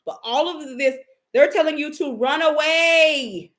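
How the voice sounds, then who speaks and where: A woman from a Haitian family gives a casual psychic tarot reading, brash, profane and sassy, hitting her words with emphasis. Her voice is high, a bit bright and unhurried.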